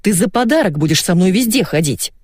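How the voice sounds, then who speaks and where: A woman's voice: medium pitch, expressive, a little fast, darkish tone, no echo, studio quality, lightly acted. A woman voicing a pushy, boastful rich middle-aged man in an audiobook. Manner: boastful, insistent.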